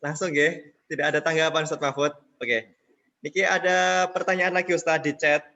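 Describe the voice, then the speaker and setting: Guy moderating the q&a, bright tense voice, dull lo-fi audio. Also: on the high side, steady tone, moderate pace.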